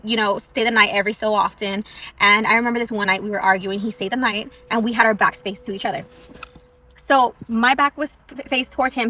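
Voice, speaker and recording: A young woman in a parked car telling a true story in a chatty, animated way, eating on her lunch break. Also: on the high side, highs cut off. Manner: chatty and animated, eating while she talks. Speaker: social media storyteller.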